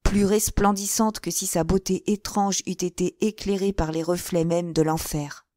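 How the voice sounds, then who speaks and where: A woman narrating a classic novel as an audiobook, measured and expressive. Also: on the low side, no echo. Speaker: audiobook reader.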